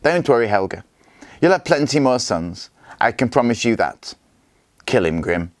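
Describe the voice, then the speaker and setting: A man's voice: medium pitch, very animated, moderate pace, no room sound, studio quality, voice pushed up, natural voice. A man voicing a cruel, smug Viking warlord who talks in a mocking, self-satisfied way. His lines come from a storybook read aloud.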